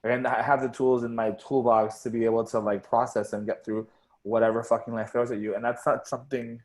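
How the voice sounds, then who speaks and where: A man's voice: medium pitch, flat delivery, fairly quick. A young man co-hosting a casual podcast, rambling with constant fillers and swearing. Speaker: podcast co-host.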